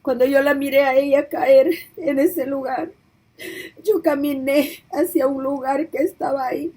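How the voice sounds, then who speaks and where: A woman's voice: high voice, fairly even intonation, unhurried, warm tone, poor audio. A woman preacher giving an emotional testimony of a vision, her voice breaking into tears as she pleads and repeats herself. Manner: repetitive, pleading storytelling.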